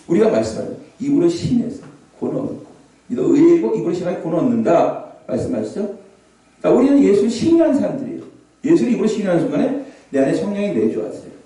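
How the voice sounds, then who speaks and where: A man preaching a revival sermon as a pastor, animated, sometimes shouting out scripture cries. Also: high-pitched, fast talker. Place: large prayer hall. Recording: echoey hall, voice from far off.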